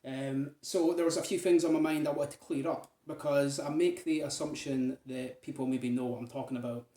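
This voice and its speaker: Speaking at a normal speed in a mellow, slightly high voice with a steady tone, this Scottish man from Aberdeen rambles along to his audience. He's chatty and leans heavily on fillers. The recording is reverberant.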